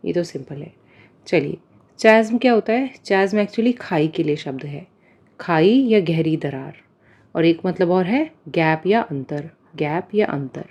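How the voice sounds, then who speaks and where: Casting: female vocabulary teacher, slow patient delivery, warm low-ish voice. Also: muffled recording. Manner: patient, explains slowly, mixes Hindi and English, asks students questions. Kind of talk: exam-prep lecture.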